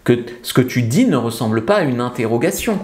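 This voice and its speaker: A man giving dating advice straight to camera, with a lively voice that swings up and down in pitch. He is blunt and emphatic, and sometimes acts out nervous or confident pickup lines. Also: a little fast. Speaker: seduction coach. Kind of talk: direct-to-camera advice video.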